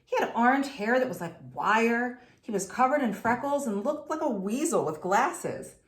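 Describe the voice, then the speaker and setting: Teacher lady reading a story to the class, expressive, chatty little asides, kinda echoey room. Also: a little high, normal speed. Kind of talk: reading a storybook aloud to students.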